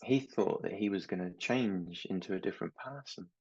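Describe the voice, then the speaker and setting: Low husky-voiced male coach. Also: highs cut off. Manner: slow, gentle and reflective, with anecdotes about his children. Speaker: mindset coach. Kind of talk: reflective talk to camera.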